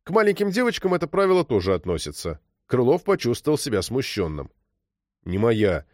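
A man reading a story aloud as narrator, expressive and storytelling. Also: medium pitch, fast, no echo, clean studio sound. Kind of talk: audiobook reading.

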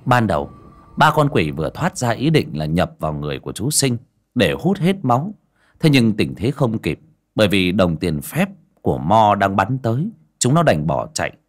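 A man narrating a story audiobook in an expressive storytelling manner. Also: fairly low pitch, normal speed.

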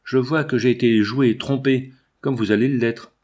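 A man's voice: mid-range voice, normal speed, a little mellow, close to an everyday voice. A man reading aloud and voicing a jealous middle-aged writer with a bitter, agitated manner.

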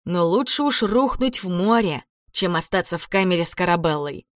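A woman's voice: on the low side, moderate pace, no echo, clean studio sound. Woman narrating a dramatic audiobook. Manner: dramatic, expressive.

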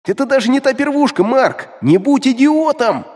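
A man's voice: high voice, big pitch swings, measured pace, long reverb tail, pitched above the performer's own voice, heavily acted. A man voicing a crude, mocking male demon who scolds the hero in an audiobook. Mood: scolding. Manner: scolding, rude, sharp-tongued. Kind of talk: audiobook character voice.

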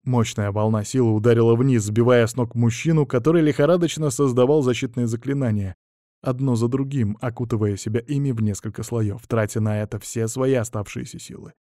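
A man narrating a first-person fantasy audiobook in a steady, even storytelling manner. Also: medium pitch, a little fast, no room sound, clean studio sound.

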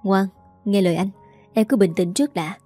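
Brief: woman playing a steady young boyfriend, soft and soothing, mellow tone. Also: medium pitch, normal speed, faint music behind, lightly acted. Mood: tender. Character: young man, calm and protective lover.

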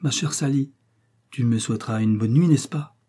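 A gentle, concerned young bride, soft and tender in her questions, as a male narrator puts her on. The voice is raised above the reader's own, yet stays mellow and a little husky. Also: medium pitch, moderate pace, natural voice. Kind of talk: audiobook character reading.

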